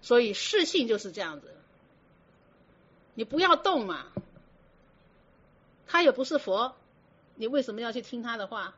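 A woman's voice: on the high side, big pitch swings, moderate pace, long pauses, fairly bright tone, husky. A woman teaching a Buddhist sermon, often asking her listeners rhetorical questions. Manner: asks many rhetorical questions. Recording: dull lo-fi recording.

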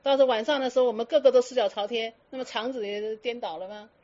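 A woman's voice: on the high side, steady tone, fast talker, a little mellow, highs cut off. A woman giving a Buddhist dharma talk to students, firing teasing rhetorical questions and slipping in English words. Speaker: Buddhist teacher.

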